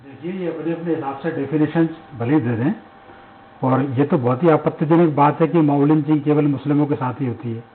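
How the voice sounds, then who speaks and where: Male debate panelist, high voice, emphatic, tinny remote audio. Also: brisk, slight background noise. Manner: emphatic, rhetorical questions. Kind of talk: televised debate argument. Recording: tinny phone-line audio.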